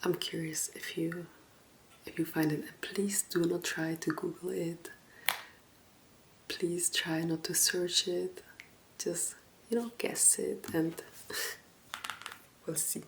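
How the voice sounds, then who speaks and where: A woman who is not a native English speaker, whispering soft ASMR book talk close to the mic and asking viewers questions directly. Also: lowish voice, steady tone, slow, long pauses, noisy background. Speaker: ASMR creator.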